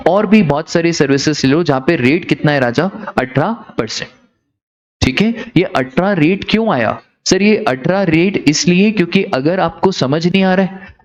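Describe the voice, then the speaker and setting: A man teaching a class, lively and teasing, telling joking stories and acting out the characters. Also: fairly high pitch, muffled recording.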